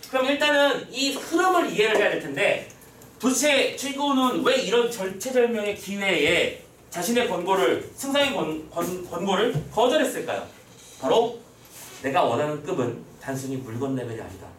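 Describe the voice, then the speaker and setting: A man's voice: sits high, a bit bright, echoey room, distant mic, slight background noise. A man giving an exam prep lecture as a teacher, playful and full of rhetorical questions.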